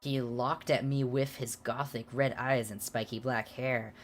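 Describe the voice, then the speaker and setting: A woman's voice: a bass voice, fairly even intonation, a little slow, slight background noise. A woman streamer reading a fan fiction aloud and breaking off for sardonic, giggly, mocking asides.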